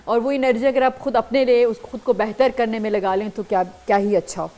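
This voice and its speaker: A woman's voice: on the high side, little pitch movement, mellow. A woman hosting an interview, putting long questions to her guest and steering the conversation back on track. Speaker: interview host.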